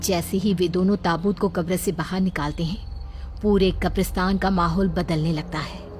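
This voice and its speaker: A woman's voice: on the low side, steady tone, moderate pace, noisy background. Woman narrating a dramatic horror story. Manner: dramatic storytelling, emphatic at scary moments. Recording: voice over loud background music.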